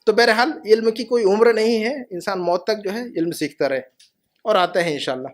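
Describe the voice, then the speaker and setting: Male language teacher, very high pitch, patient, slow repetitions for the class. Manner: patient, repeats phrases slowly for students. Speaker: Arabic teacher. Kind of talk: classroom lesson.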